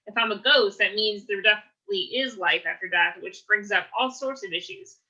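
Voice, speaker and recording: Wry, musing teen ghost boy in a read-aloud book, read by a woman; bright tone. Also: medium pitch, a little fast, rough recording.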